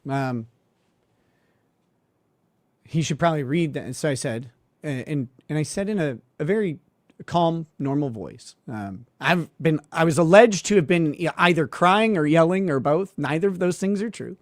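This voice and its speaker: A man's voice: a little high, expressive, moderate pace, no echo. Sardonic man telling a story, dry sound. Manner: sardonic, mocking, with laughs and filler words. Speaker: suspended lawyer and streamer. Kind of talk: casual storytelling monologue.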